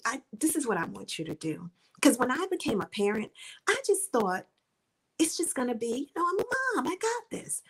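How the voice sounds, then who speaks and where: Speaking to camera, a middle-aged woman who is a speaker and author gives an encouraging, faith-based talk. She is earnest and coaching, repeats her points, and sometimes drops to a soft near-whisper. Her voice is a little high with a breathy edge, and the audio is poor.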